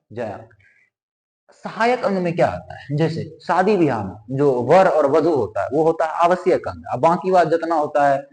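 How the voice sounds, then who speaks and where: Male biology teacher, fairly high voice, quizzes himself aloud, long room reverb. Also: darkish tone. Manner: asks questions and answers them himself, repeating terms. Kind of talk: classroom lesson with drawing.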